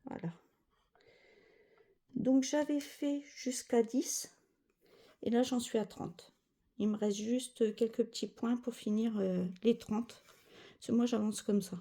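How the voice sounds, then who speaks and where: A woman's voice: fairly high pitch, steady tone, takes it slowly, pauses often, mellow. A woman chatting casually as a cross-stitch vlogger, rambling with many fillers and self-corrections. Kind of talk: casual chat.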